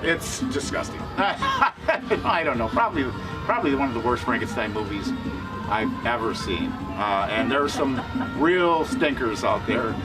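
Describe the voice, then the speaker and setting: Rambling horror host, loud music behind. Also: male voice, mid-range voice, expressive. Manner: rambling, halting with many fillers. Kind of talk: casual chat about films. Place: outdoors at a pumpkin farm haunt attraction. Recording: distant mic outdoors, loud music behind.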